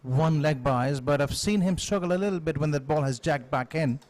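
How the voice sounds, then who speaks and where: A man giving live cricket commentary in a measured, analytical manner. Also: on the high side, a little mellow.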